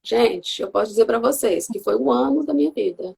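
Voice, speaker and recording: Speaking earnestly as a guest mother in a casual live video chat, a Brazilian woman shares her story with heartfelt feeling. Her voice is on the high side, fairly quick, gravelly, husky and darkish.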